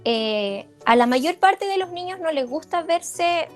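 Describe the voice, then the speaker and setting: A woman giving a parent workshop like a speech therapist, explaining in an informal lecture with frequent fillers and quick check-ins. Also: very high-pitched, lively intonation, faint music behind. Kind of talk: informal lecture over slides.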